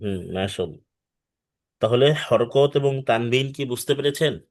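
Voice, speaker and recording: A man of middle pitch teaches patiently over an online call. He corrects gently and stretches out syllables to demonstrate them. He keeps a calm, steady way of talking. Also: moderate pace. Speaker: Quran reading teacher. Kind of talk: online tutoring. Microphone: online video call.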